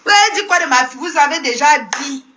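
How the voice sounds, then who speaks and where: Hosting a live stream over her phone, a woman with a Cameroonian French accent delivers a combative rant, scolding her viewers and repeating herself. Her voice is high, animated and quick, and the background is noisy.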